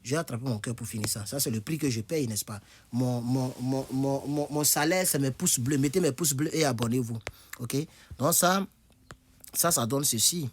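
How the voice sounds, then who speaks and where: A tired English teacher gives a casual online language lesson from his bed, chatting and repeating himself as he demonstrates phrases. His medium-pitched voice moves at a moderate pace over slight background noise.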